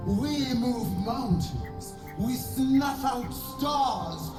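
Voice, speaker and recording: A woman's voice: a little high, lively intonation, extremely slow, reverberant, music in the background. An actress playing a tyrannical, menacing undead god-queen in a fantasy video game, with a grandiose, commanding delivery. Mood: imperious, commanding.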